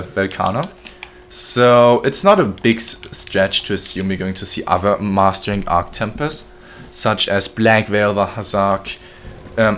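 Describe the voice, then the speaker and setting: A man's voice: on the low side, fairly bright tone. A man casually commenting on his gameplay during a live stream, joking and chatting with his viewers. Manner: joking, chatty, reads chat aloud. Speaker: game streamer.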